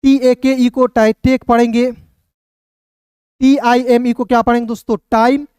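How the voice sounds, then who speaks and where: A man teaching an online English reading lesson, spelling words out letter by letter, then pronouncing them slowly and checking in with his viewers again and again. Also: very high-pitched, little pitch movement, darkish tone, clean tone, no room sound, clean studio sound. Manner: keeps addressing viewers as friends and checking with "okay".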